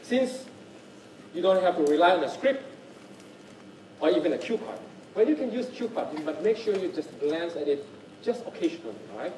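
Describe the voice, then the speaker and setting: A man teaches a public speaking workshop, his voice rising and falling with lively swings. He sits high for a man and keeps checking in with his listeners. The sound is roomy and picked up from some way off. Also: normal speed, pauses often, recorded from a distance, slight background noise. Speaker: workshop trainer. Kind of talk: speaking skills workshop talk. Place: workshop room.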